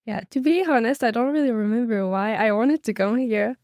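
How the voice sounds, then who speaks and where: A teenage exchange student from Belgium, talking in a relaxed way in a casual podcast interview. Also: female voice, on the high side, a little fast, no room sound, clean studio sound. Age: teens.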